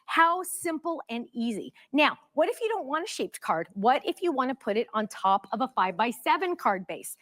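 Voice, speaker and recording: A woman's voice: high-pitched, big pitch swings, moderate pace, hardly any pauses, fairly bright tone, no echo, clean studio sound. A woman working as a home shopping host, demonstrating products in a chatty, gushing and emphatic way.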